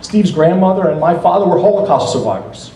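Introducing the keynote at a political gala, a middle-aged American man speaks formally from a podium on a banquet hall stage, earnest and measured with occasional light humor. His voice is high-pitched, expressive and warm in tone. The podium microphone is filmed from across the room, leaving the hall echoey and far away.

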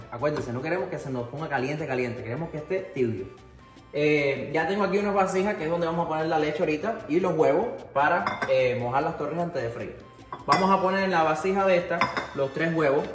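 A young adult cooking show host from Cuba, with a Cuban Spanish accent, demonstrates a recipe in his home kitchen. He chats casually and directly to viewers, dropping in English words like "so" and "ok." His voice runs on the high side, and the room is echoey.

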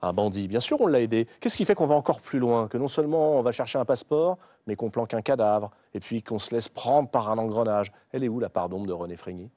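A man hosting a televised book show, asking measured questions and reading passages aloud. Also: mid-range voice, lively intonation, dark tone, no echo. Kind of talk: studio interview. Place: TV studio.

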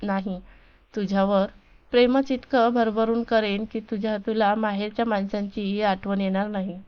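A woman's voice: medium pitch, flat delivery, moderate pace, clean tone, dull audio, lightly acted. A woman voicing a playful young man who teases his fiancée affectionately, in a storybook reading. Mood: teasing. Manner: teasing, affectionate.

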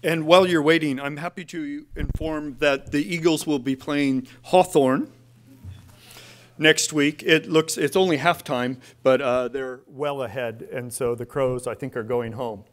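In a large indoor hall, a middle-aged man gives a public lecture as a guest speaker, in a conversational style. He uses a lectern mic, then switches to a clip-on mic while moving around. His fairly high voice is unhurried, with fairly even intonation.

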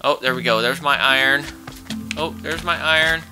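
A man's voice: mid-range voice, moderate pace, sharp tone, soft background music. A man casually commentating a video game he plays with his child, chatty and exclaiming as he thinks aloud. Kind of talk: casual let's-play commentary.

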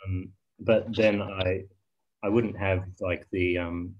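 A man demonstrating spoon carving on a video call, talking in a soft, hesitant way with frequent ums and restarts. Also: deep voice, fairly even intonation, slow, dull audio, slight background noise. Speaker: spoon carver giving a demo. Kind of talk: casual video-call discussion.

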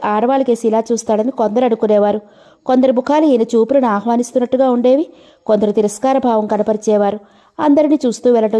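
A woman's voice: a little high, mellow. A woman narrating an old family novel as an audiobook, telling the story steadily and speaking every character in her own voice.

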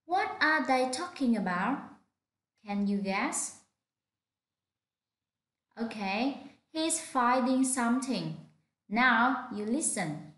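A woman's voice: fairly high pitch, big pitch swings, extremely slow, long pauses, fairly bright tone, roomy sound. A woman with a Vietnamese accent teaching an online English lesson to children, patiently drilling each word. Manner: patient, clear drilling of words.

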